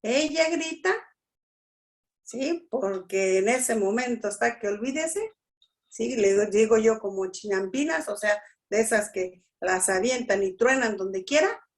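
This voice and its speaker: A woman teaching a family workshop in a preaching style. She talks slowly and emphatically, checks in with the audience, and acts out quotes. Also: on the high side, lively intonation. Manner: slow, emphatic, with repeated "¿sí?" checks and acted-out quotes. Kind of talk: preaching talk.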